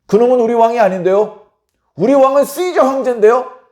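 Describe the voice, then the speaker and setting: A man voicing defiant high priests who flippantly reject their king. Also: fairly quick, a little mellow, reverberant. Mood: insolent. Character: defiant high priests, men of the religious elite.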